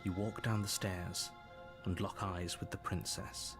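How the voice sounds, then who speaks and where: A stern male game narrator, with a lowish voice and clear music underneath. He is measured, solemn and imperious. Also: level tone. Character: stern, grave, commanding male narrator urging a killing. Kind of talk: video game narration, scripted. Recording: music behind the voice.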